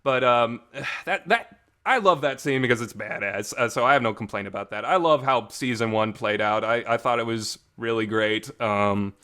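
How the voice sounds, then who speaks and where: A man who hosts a visual novel talk show gives an enthusiastic, informal and emphatic fan review in a casual setting. His mid-range voice moves at normal speed and sounds pushed, bright and smooth. The recording has some reverb on his voice.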